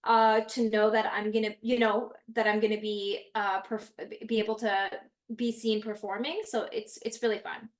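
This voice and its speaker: A woman's voice: medium pitch, moderate pace. A woman from Canada whose first language is French, chatting animatedly as an actress guest. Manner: animated, expressive, laughs often. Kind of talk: casual chat.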